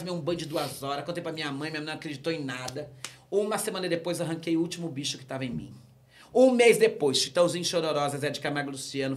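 A man with a Brazilian Portuguese accent, a pastor giving a dramatic testimony on a podcast and acting out the people in his story. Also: a little high. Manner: animated storyteller who acts out the voices of the people in his story. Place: podcast studio.

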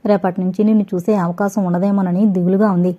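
A woman's voice: medium pitch, little pitch movement, fast talker, mellow, lightly acted. A woman voicing a worried young woman in love who fears her father, speaking in a pleading, anxious way, on dull lo-fi audio.

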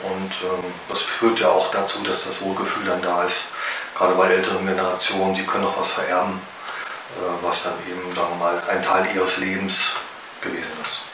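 A middle-aged small business owner with a Ruhr German accent gives a halting trade fair interview statement in a somewhat low voice, pausing often on filler sounds. Recorded from a few feet away in an indoor room with shelves, his voice carries strong room echo over a steady hiss.

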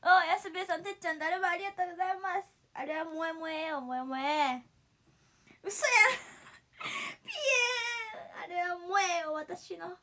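Giggly high bright-voiced young woman. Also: fairly even intonation, fairly quick, hardly any pauses, slight background noise. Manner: giggly, chatty, laughs often. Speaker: idol livestream host. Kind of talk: casual livestream chat, reading viewer comments.

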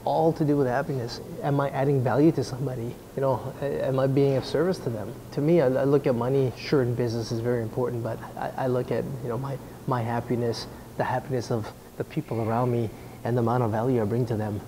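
Speaking fast in a mellow, steady, medium-pitched voice, a man in his forties gives blunt, casual answers to business questions and keeps restarting sentences. The camera captured him indoors in a mall or coffee-shop atrium; the audio is poor, with slight background noise and music running underneath.

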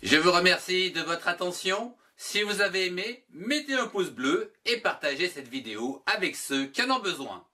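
A man's voice: high voice, animated, moderate pace, hardly any pauses, bright, forceful tone. A man teaching a French writing lesson for young children, spelling words out letter by letter and syllable by syllable.

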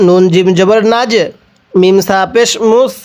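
A man's voice: high-pitched, fairly even intonation, unhurried, a little mellow, clean tone. A man from Bangladesh teaching the Quran, patiently spelling out syllables one at a time and asking the listener to read along with him. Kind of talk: slow spelling-out recitation lesson.

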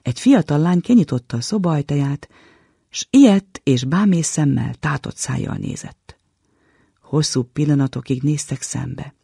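A man giving a measured, dramatic reading of a short story on a literature program. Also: on the high side, animated, gravelly, dark tone, husky, no echo, studio quality.

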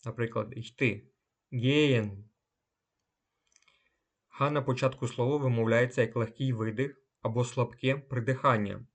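A man teaching pronunciation rules, talking slowly and deliberately, with a pause after each word and example. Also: medium pitch. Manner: slow and deliberate, pausing between words and examples. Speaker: language teacher. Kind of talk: instructional explanation of German pronunciation rules.

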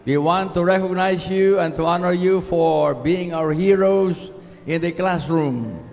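A Cebuano-accented Filipino pastor addresses his congregation with brief, repeated instructions during a service in a big church auditorium. He speaks high-pitched, a little slow, and slightly mellow, with reverberant hall acoustics and music in the background.

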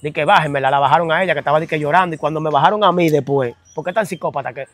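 A man with a Dominican accent, telling his story as an interview guest, animated and full of street slang, acting out quotes in a raised voice. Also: a little high, rapid-fire. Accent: Dominican Spanish. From Dominican Republic.

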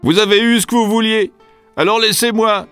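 A man's voice: sits high, moderate pace, fairly bright tone, smooth, soft background music, pitched above the performer's own voice. A man voicing a weepy, shy old female witch in a children's storybook. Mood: tearful.

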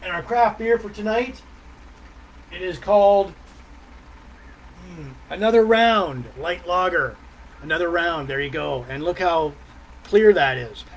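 High-voiced man rambling casually. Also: a little hiss or hum, low-quality recording. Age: middle-aged. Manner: halting, meandering delivery with pauses and mm sounds. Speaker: host of a live music and beer review vlog. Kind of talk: casual rambling live chat. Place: small decorated room at home, indoors.

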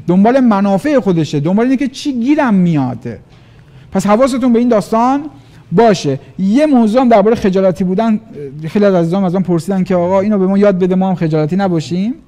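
A man giving an animated motivational business talk, acting out little dialogues in different voices. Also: sits high. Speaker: business trainer.

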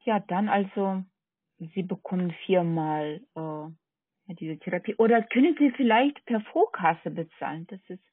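Checking and repeating order details with some hesitation, this accented call centre agent speaks non-native German on a sales call through a thin, narrowband phone connection. She has a fairly low, unhurried voice with a breathy edge and no echo.

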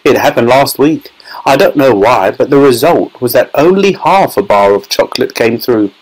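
A breezy eccentric gentleman, voiced by a male storyteller, speaks in a storybook style. He is brisk and easily excited. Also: mid-range voice, natural voice, poor audio. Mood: mild concern. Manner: exclamatory, breezy.

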